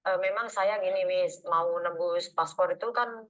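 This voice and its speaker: This caller, also a domestic worker abroad seeking advice by phone, has a fairly low voice at a moderate pace, and the high frequencies are cut off. She rambles as she explains, respectfully tacking "Miss" onto nearly every phrase.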